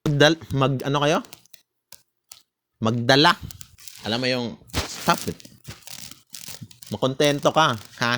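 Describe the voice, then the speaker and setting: A man's voice: mid-range voice, slow, pauses often, sharp tone, a little hiss or hum. A man, ranting in a casual monologue, bitter and taunting, laughing between jabs and switching into English. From Philippines.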